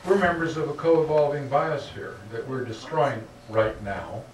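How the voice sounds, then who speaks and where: Animated yet measured, a medium-pitched male lecturer responds earnestly to questions from the audience at a public talk, often asking "okay?". It's recorded from a distance in a roomy hall, with some faint noise.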